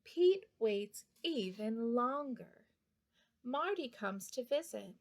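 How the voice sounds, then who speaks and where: High, animated woman reading to young children. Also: takes it slowly. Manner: greets and questions young listeners directly. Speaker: children's storybook reader. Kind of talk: read-aloud of a picture book for young children.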